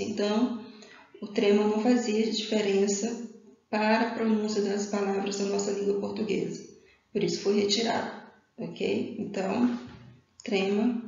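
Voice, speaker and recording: A woman's voice: medium pitch, darkish tone. A woman teacher walks through a grammar lesson, repeating and correcting herself and checking in with her students. Her voice rings in a very echoey room, and the recording sounds dull and lo-fi.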